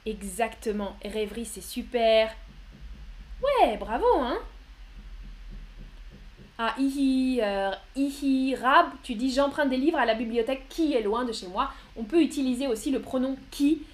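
A woman's voice: a little high, animated, unhurried. A woman teaching grammar in a live online lesson, patient and encouraging as she answers viewers one by one. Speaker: French teacher.

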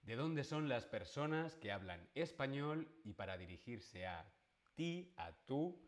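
This is a man from giving an online lesson. His voice sits at an ordinary mid pitch, and he speaks. He moves slowly and patiently, stopping often to ask his viewers questions. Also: very animated. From Spain. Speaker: Spanish teacher.

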